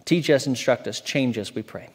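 Man, 40s, associate pastor, measured scripture reading and sermon, church hall reverb. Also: medium pitch, breathy edge. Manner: measured, reads aloud slowly from an open Bible. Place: church stage, large indoor hall.

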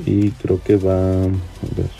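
A man giving relaxed, chatty commentary while unboxing toy figures at a display shelf, with plenty of fillers. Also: deep voice, slow pace, vocal fry, faint music behind.

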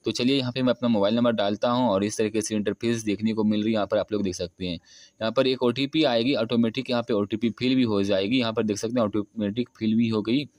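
A young man of about twenty hosts an unscripted app tutorial, narrating a screen recording step by step and repeating himself often. His voice is fairly low and a little mellow, with fairly even intonation, and he talks fast. There's no room sound.

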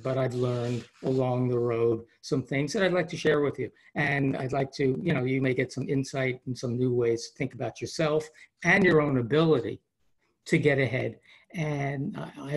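Over a video call, a man who works as a high-performance coach hosts a webinar, talking with rambling enthusiasm and frequently starting over.

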